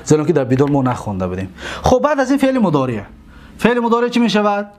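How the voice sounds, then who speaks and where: A man with a fairly high voice teaches a class. He recites drill lists in a chanting rhythm, repeats key points and puts questions to the class. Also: wildly swooping pitch. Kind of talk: lecture on Arabic verb forms.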